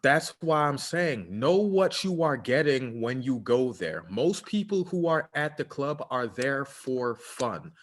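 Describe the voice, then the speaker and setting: A man's voice: mid-range voice, very animated, slow, hardly any pauses. A man co-hosting a podcast, giving relationship advice in casual chat with a preachy, earnest manner and lots of fillers. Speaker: podcast co-host.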